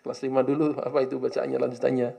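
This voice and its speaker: A man's voice: medium pitch, little pitch movement, racing, creaky, dark tone. A man teaching a classroom lesson on an Arabic religious text, translating it line by line and coaxing his students to answer his questions. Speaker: Islamic teacher.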